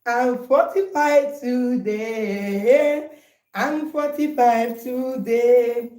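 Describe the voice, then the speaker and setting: Speaking very slowly in a dark, somewhat high voice, a Nigerian vlogger in her forties talks casually to her viewers for her birthday from home. She repeats herself playfully, and the audio sounds roomy.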